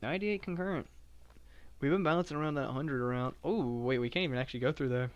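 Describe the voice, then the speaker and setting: A man streaming a game and rambling on, full of "like"s and half-finished thoughts in a flat, monotone delivery. His voice is smooth and resonant, pitched squarely in the middle for a man. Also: fast talker, muffled recording. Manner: rambling, filler-heavy, self-described monotone. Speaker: live-streaming gamer. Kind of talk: casual live-stream chat while playing.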